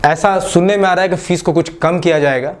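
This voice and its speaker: Man with a Jharkhand Hindi accent, fairly high voice, casual motivational exam-coach delivery with English phrases mixed in. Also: fast. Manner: casual, repeats "ठीक है" as a filler. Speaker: exam coaching channel host. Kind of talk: exam-prep talk to the camera.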